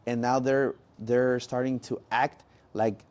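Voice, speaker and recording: A man's voice: medium pitch, flat delivery, slow, darkish tone. A man co-hosting a podcast in casual chat, rambling with lots of "bro" and "like". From Mexican-American family. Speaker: podcast co-host.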